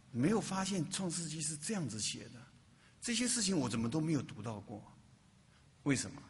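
A man's voice: mid-range voice, creaky, bright, forceful tone, long reverb tail. A man preaching a sermon as a pastor, often asking the congregation questions and repeating words for emphasis.

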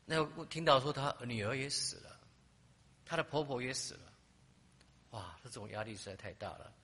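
A man's voice: mid-range voice, expressive, moderate pace, bright, forceful tone, big-room sound, a little hiss or hum. A man preaching a sermon, telling a story and often ending his phrases with a tag word "ha". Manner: frequent "ha" tag at ends of phrases; retells scenes with acted-out quotes.

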